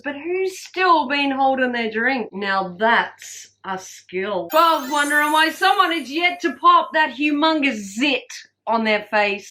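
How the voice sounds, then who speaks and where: Sweary, bright-voiced Australian woman. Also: high-pitched, rough recording. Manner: candid, sweary, wry asides. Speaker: vlogger. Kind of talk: listing funny confessions to camera.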